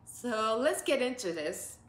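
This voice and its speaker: A Russian woman in her forties, speaking with a Russian accent, reviews makeup from her living-room sofa as a beauty vlogger. She's chatty, upbeat and laughs often, with a fairly high, very animated voice at a measured pace. The sound is reverberant, with loud music behind her.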